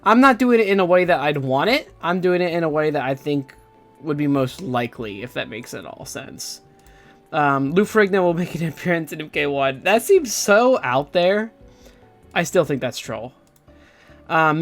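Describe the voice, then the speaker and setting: A man's voice: a little high, lively intonation, normal speed, fairly bright tone, soft background music. A young man giving casual gaming news commentary, rambling and hesitant with lots of fillers and restarts. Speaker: gaming YouTuber.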